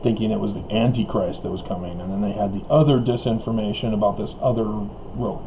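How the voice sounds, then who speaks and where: An online video commentator rambles through a solo monologue in a fairly low, fairly even voice, talking fast, with dull audio and background noise. He chuckles often between remarks and hesitates constantly with fillers and restarts, while his voice wears out and he coughs.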